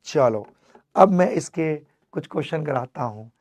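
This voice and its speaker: A man teaching an online chemistry class with a strained, fading voice. He speaks to his students warmly and fondly, mixing in English terms. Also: on the high side, animated, unhurried. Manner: affectionate, calls students "my child", mixes English terms. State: losing his voice, strained throat. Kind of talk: energetic online class lecture.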